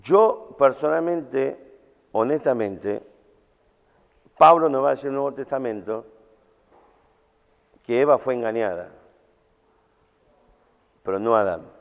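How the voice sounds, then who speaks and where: Rioplatense preacher, slangy, tinny hall. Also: male voice, medium pitch, lively intonation, slow, gravelly, long pauses. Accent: Rioplatense Spanish. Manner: colloquial, storytelling, slangy. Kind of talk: sermon at a camp. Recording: tinny sound in a reverberant hall.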